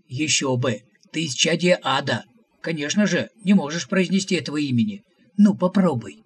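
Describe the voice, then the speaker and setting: Насмешливый упрямый пророк в исполнении мужчины, говорит пренебрежительно, голос с хрипотцой. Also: male voice, on the high side, lively intonation, normal speed, slightly rough. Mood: mocking. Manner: mocking, dismissive. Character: smug, mocking male prophet, stubborn and dismissive.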